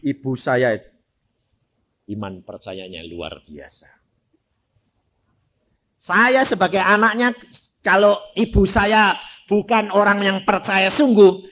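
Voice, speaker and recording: An older man preaching a sermon with a Javanese-tinged Indonesian accent, telling stories and swinging from loud calls to hushed asides. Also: sits high. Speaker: pastor.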